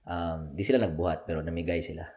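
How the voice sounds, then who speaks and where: A man's voice: deep voice, fast. A man with a Filipino accent, hosting a podcast and telling stories in casual banter, laughing often. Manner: animated storytelling, laughs often. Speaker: podcast host.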